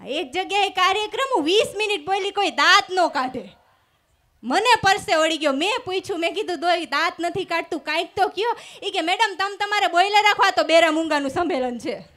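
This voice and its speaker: A woman stand-up comedian with a high voice performs on stage into a microphone before a live audience. She tells stories from her shows and acts out both sides of each exchange before landing the punchline. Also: a little fast, fairly bright tone. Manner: storytelling with acted-out dialogue and punchlines.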